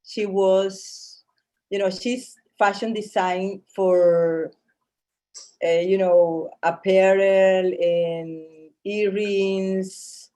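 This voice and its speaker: Female interview guest, Colombian Spanish accent, soft-edged mellow tone, halting delivery with repeated phrases. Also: medium pitch, fairly even intonation. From Barranquilla, Colombia. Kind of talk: casual interview chat.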